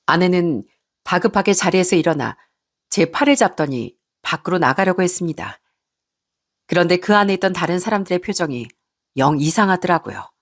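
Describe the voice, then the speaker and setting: A woman narrating a scripted first-person drama story in a steady reading voice. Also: on the low side, fairly quick.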